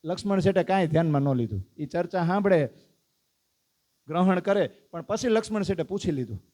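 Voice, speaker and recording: A man's voice: sits high, expressive, brisk, warm tone. A man giving a devotional discourse, telling a story animatedly and asking his listeners questions. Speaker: spiritual teacher.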